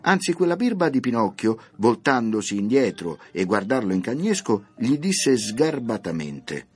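A man narrating a children's classic in a scripted, lively, expressive storytelling manner. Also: mid-range voice, normal speed, slightly rough. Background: soft background music.

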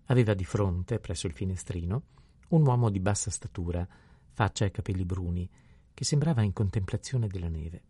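This man narrates an audiobook in a steady, even storytelling style. His voice sits low with a breathy edge, and the recording has no echo.

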